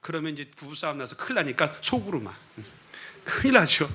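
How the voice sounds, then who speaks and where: Bright, animated Korean pastor preaching. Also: male voice, fairly high pitch, quick pace, breathy edge. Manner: animated, with frequent rhetorical questions to the congregation. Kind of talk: sermon. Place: church sanctuary during a worship service.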